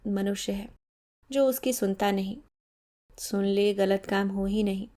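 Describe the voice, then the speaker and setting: A woman storyteller reading a literary short story in a measured, dramatic way. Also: mid-range voice, steady tone, warm tone. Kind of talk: scripted literary narration.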